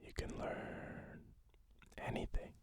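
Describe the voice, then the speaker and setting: A person whispering an ASMR pep talk of positive affirmations, repeating short phrases. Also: takes it slowly. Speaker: ASMR host.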